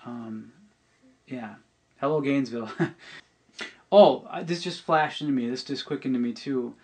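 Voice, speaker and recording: A middle-aged man telling a personal testimony on a podcast, earnest and halting, often restarting and repeating words. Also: medium pitch.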